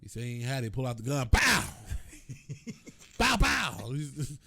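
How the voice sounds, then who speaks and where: A man's voice: medium pitch, fairly even intonation, takes it slowly, a little mellow. A man co-hosting a podcast in casual chat, retelling stories with jokes. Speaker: podcast co-host.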